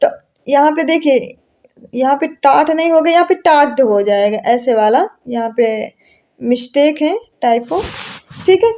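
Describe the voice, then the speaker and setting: A young woman teaching an English grammar lesson, asking questions and answering them herself, stretching out her example sentences slowly. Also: sits high, lively intonation, warm tone.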